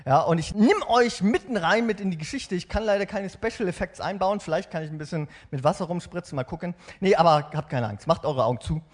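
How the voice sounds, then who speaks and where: Young man, upbeat casual sermon, high voice swinging up and down. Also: brisk, hardly any pauses. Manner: lively, animated, chatty asides with frequent "ja?". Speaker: preacher. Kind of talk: sermon with dramatic Bible reading.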